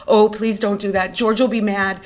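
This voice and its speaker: A woman voicing a big, slow, childlike farmhand man in an audiobook, simple and earnest, with a fearful, pleading rustic drawl. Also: on the low side, lively intonation, fairly bright tone, breathy edge, full character voice. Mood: panicked, pleading. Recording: noticeable background noise.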